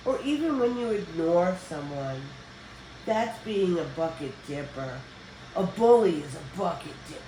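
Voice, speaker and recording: An older woman with a mid-range voice reads a children's picture book aloud, storyteller-style, with expressive, deliberate phrasing meant for young listeners. The recording has a roomy echo and background noise.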